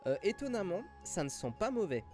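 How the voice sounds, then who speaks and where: A man's voice: high-pitched, very animated, fairly quick, a little mellow, faint music behind. A man improvising tabletop game narration as game master, in a casual, slangy way.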